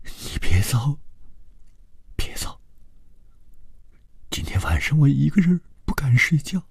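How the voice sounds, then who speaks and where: A shrill, stammering terrified secretary, as a man puts her on for a told ghost story. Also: big pitch swings, slow, vocal fry, slightly rough, dry recording, in a whisper, heavily acted. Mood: pleading. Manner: stammering, panicky pleading. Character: frightened young woman secretary.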